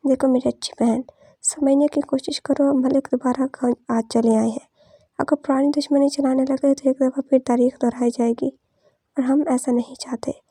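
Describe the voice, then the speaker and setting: Woman doing calm uncle talking his sister round, gravelly, flat, dry sound. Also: high voice, moderate pace, dry recording. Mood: coaxing. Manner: patiently persuading. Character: calm middle-aged uncle.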